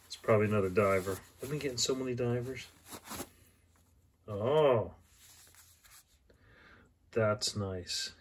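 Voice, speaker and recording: A man's voice: lowish voice, takes it slowly, long pauses, slightly rough, poor audio. A man hosting a casual watch unboxing and review, thinking aloud with frequent fillers.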